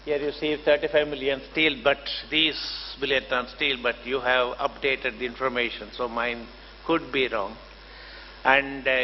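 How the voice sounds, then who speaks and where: Older indian guy giving a formal talk, courteous and halting, boomy hall, kinda muffled. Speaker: professor and conference speaker. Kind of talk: formal conference lecture. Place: large conference hall. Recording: dull, noisy hall microphone, long reverb.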